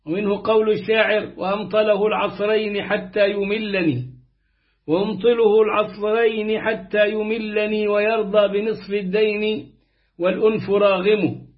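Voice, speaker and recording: A man reading aloud a classical Quran commentary in a steady, formal manner. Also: high-pitched. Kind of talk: measured reading of classical tafsir. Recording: dull lo-fi recording.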